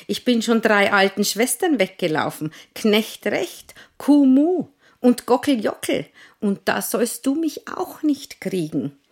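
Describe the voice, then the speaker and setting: A woman's voice: lowish voice, very animated, slow, slightly rough, exaggerated voice. A woman voicing a boastful runaway male pancake in a storybook tale, with a cheeky, singsong taunt.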